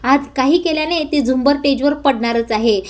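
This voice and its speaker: A woman's voice: high-pitched, moderate pace, a little mellow, close to an everyday voice. A woman voicing a scheming older male villain in a serial recap, with a taunting, menacing manner. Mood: gloating.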